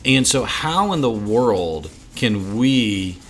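With a slow, expressive delivery in a voice on the low side, a man hosts a casual ministry-assistant podcast. He wanders as he talks, circling back and repeating words whenever he starts a thought over.

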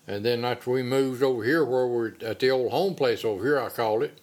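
A man's voice: medium pitch, brisk, a little mellow. An older man with an Appalachian accent reminiscing casually in an interview, with folksy rural phrasing. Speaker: interviewee recalling childhood. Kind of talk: casual oral-history reminiscence.

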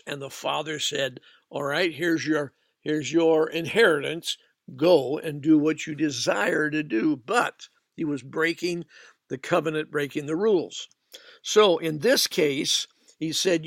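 A man preaching a sermon, retelling scripture stories in a measured, animated way. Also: fairly high pitch, vocal fry, no room sound, studio quality.

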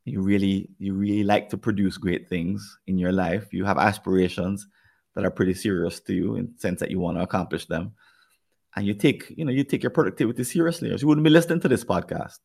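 A man with a Jamaican accent hosts a podcast in a casual, reflective way. His voice sits fairly low and has a gravelly fry to it, and he often speaks directly to the people listening. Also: fairly quick, darkish tone. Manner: earnest, reflective talk that addresses listeners directly. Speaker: podcast host.

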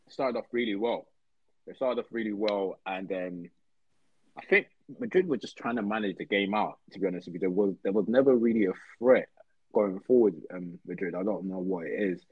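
Husky low man, relaxed football chat. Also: no echo, phone-quality sound. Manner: relaxed, rambling, many ums. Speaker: podcast co-host.

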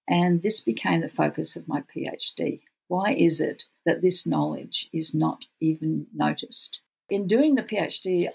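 An Australian speaker with a gravelly, husky voice who says w for r, talking reflectively as an interview guest. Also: medium pitch, rough recording. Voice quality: cannot pronounce R's well, says w for r. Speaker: podcast guest, futurist researcher.

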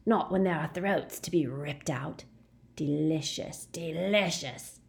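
A woman voicing a savage male werewolf with a rasping, barking voice, leering and menacing. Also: low voice, takes it slowly, heavily acted. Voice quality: rasping bark. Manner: leering, relishing.

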